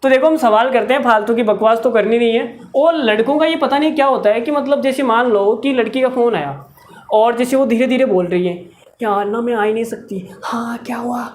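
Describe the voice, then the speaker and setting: A man's voice: very high voice, a little fast, darkish tone. A man teaching a maths problem, who explains it through jokes and directly addresses his students. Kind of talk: comic storytelling lesson.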